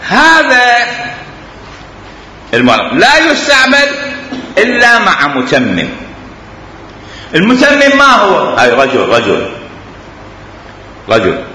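Lively Iraqi man lecturing in an echoey hall. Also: sits high, slow pace, long pauses, slight background noise. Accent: Iraqi Arabic. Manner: animated and explanatory, repeating examples. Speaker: teacher. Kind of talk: classroom grammar lecture. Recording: echoey hall, faint ambience.

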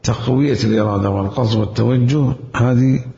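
A man delivers a jurisprudence lecture, repeating his key terms and posing questions to his students. His voice has a gravelly fry to it. The recording is dull and lo-fi, with a long echo from a large hall. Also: medium pitch, fairly quick, dark tone. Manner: lecturing with rhetorical questions and emphatic repetition. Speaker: seminary teacher. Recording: echoey hall, dull lo-fi sound.

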